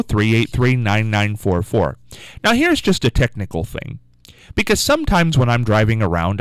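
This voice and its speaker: A man hosts a morning call-in radio show from the studio, musing and rambling on a studio mic and repeatedly urging listeners to phone in. His voice is fairly low, and the rough recording has no echo.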